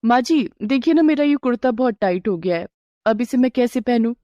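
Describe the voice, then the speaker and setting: A woman voicing a curious, excitable young daughter-in-law who asks eager questions in a raised voice. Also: a little high, fairly quick, no echo, muffled recording, voice pushed up, natural voice. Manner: wide-eyed, eager, questioning.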